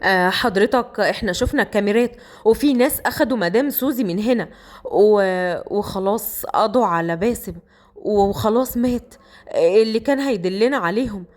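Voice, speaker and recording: Woman narrator lowering her voice as a respectful police colonel, formal, storybook drama. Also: a little fast, lightly acted. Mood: somber. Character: middle-aged police colonel, dutiful and deferential.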